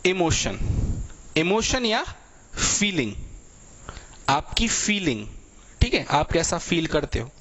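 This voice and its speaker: Young male tutor, talky explainer, keeps checking in with "okay", pitch a touch high. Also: sing-song, takes it slowly, pauses often, a bit bright. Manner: explanatory, repeats "thik hai" constantly, tells everyday examples. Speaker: teacher. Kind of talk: vocabulary lecture for exam students.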